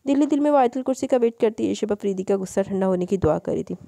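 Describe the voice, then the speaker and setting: Female audiobook narrator, steady storytelling, gravelly tone, dry booth sound. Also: mid-range voice, fast talker, no room sound. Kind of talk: scripted narration.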